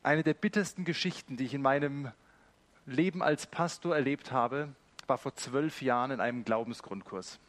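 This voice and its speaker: A man's voice: medium pitch, normal speed, a bit bright. A man preaching a sermon as pastor, explaining carefully and then appealing earnestly to his listeners.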